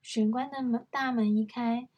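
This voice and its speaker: A woman reading a picture book aloud to her toddler at home, gently stopping to explain things to the child. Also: a little high, fairly even intonation, moderate pace. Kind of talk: storybook reading to a young child.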